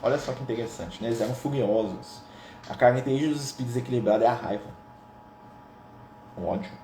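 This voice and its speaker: Here a Brazilian Portuguese-accented man moves at a quick pace, his medium-pitched voice mellow as he guides a conversational gospel study. It's informal spiritual teaching peppered with tag questions at the ends of phrases, recorded in a roomy space with slight background noise.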